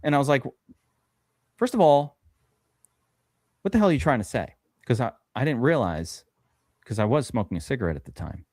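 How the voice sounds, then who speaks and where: In a sing-song, slightly mellow medium-pitched voice, an American podcast host rambles through a long fantasy football story on a live stream, swearing and using fillers. He talks at normal speed but pauses often. The sound is clean studio audio without echo.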